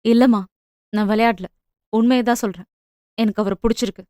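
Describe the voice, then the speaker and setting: A woman voicing a gentle but firm young daughter who speaks softly and earnestly to her father. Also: fairly high pitch, fairly even intonation, fairly quick, no echo, clean studio sound, lightly acted.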